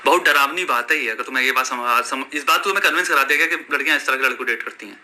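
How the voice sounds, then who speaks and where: Fields: Sex: man. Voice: bright and sharp. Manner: blunt and lecturing. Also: medium pitch, rapid-fire, slight background noise. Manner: lecturing, blunt, mixes in English phrases. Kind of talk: emphatic reaction commentary.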